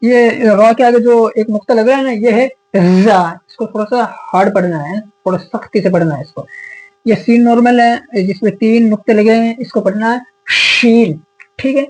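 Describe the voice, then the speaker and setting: A man teaching a beginner's lesson on Arabic letters, sounding each letter slowly and repeating it patiently. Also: extremely high pitch, dark tone, low-quality recording. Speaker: Quran teacher. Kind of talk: step-by-step alphabet lesson.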